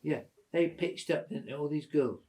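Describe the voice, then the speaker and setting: A man's voice: on the high side, normal speed. Chuckling man in his eighties. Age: 80s. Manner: lively, chuckling storyteller who acts out quoted voices. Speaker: father telling family stories. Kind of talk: casual storytelling at a family gathering.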